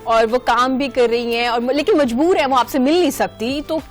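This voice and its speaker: A woman's voice: sits high, normal speed, soft background music. A woman hosting a morning talk show, telling a story in an earnest, emotional tone.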